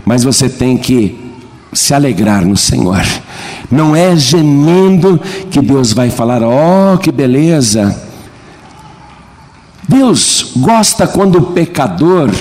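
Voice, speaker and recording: A man from Brazil preaching a sermon as pastor, questioning his congregation directly and building to emphatic shouts. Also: mid-range voice. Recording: long church reverb.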